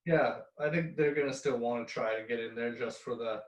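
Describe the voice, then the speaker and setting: A man's voice: mid-range voice, a little fast, far from the mic. A man co-hosting a casual hockey chat, offhand and blunt. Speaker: podcast co-host. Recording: echoey room, off mic.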